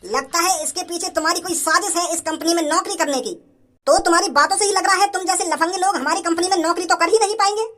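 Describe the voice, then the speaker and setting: A strict office interviewer in a cartoon, prim and slow as she scolds the people in front of her, voiced by a woman. Her voice sits very high. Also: fairly bright tone. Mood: scolding. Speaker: job interviewer. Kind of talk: cartoon voice acting.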